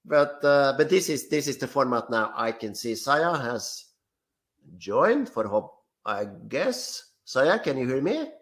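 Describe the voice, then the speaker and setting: A man's voice: mid-range voice, big pitch swings, a little slow, fairly bright tone. A man hosting a live career webinar over a video call, enthusiastic and chatty, often repeating words as he starts a sentence. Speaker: webinar host.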